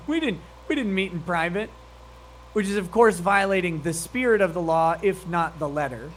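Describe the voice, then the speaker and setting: A man's voice: sits high, animated, normal speed, a little hiss or hum. A man giving profane, mocking live commentary on a video clip, laughing often. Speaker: streamer commenting on a meeting clip.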